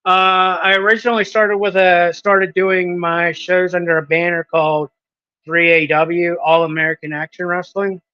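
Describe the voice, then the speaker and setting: A man's voice: sits high, level tone, moderate pace, pushed and bright, clean tone, dry recording, highs cut off. A man in his thirties, a wrestling promoter, talking in a casual podcast interview with hesitant ums and restarts. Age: 30s.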